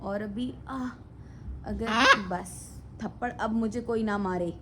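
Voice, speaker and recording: A woman's voice: medium pitch, slow, a little mellow. A woman vlogger chatting casually, sounding unwell and tired, with a weary, pleading manner. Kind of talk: casual chat to camera and pet. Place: home, indoors. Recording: clear background noise.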